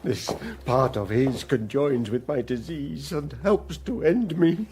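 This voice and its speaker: A man's voice: medium pitch, noisy background. An actor playing a bitter, dying old king in a theatrical, declamatory Shakespearean radio drama style. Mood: anguished, suspicious. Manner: declamatory, theatrical, drawn-out, swelling from murmurs to shouts. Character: old dying king, ailing, bitter, grieving, raging at his son. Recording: studio radio drama with music behind.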